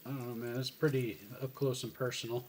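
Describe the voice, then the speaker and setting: A man's voice: medium pitch, little pitch movement, a little fast, a little hiss or hum. A man giving blunt, casual reaction commentary on a TV drama, swearing freely as he goes. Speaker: reaction show host.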